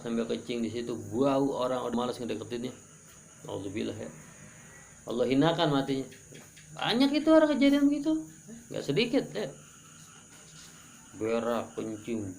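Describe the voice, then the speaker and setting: Male preacher, gravelly, lively teasing delivery, some faint noise. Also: moderate pace, pauses often. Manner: animated, joking, pitch jumps for emphasis. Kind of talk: religious study sermon.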